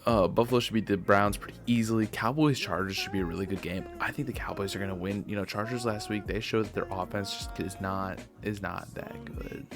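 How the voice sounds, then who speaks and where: A man's voice: fairly low pitch, steady tone, fairly quick, hardly any pauses, over music. A man casually giving his weekly sports predictions, tired and yawning, rambling and correcting himself as he goes. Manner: offhand, rambling, self-correcting, yawns while talking. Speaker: sports video host.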